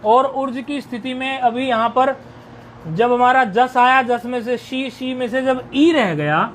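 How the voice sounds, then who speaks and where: A man's voice: very high-pitched, measured pace, fairly bright tone, a little hiss or hum. A man teaching a Sanskrit grammar lesson, patiently repeating points and checking that students follow.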